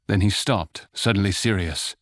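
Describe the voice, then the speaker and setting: A man narrating a fantasy short story in a measured, even storytelling manner. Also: fairly low pitch, no room sound, clean studio sound, lightly acted. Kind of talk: scripted audiobook narration.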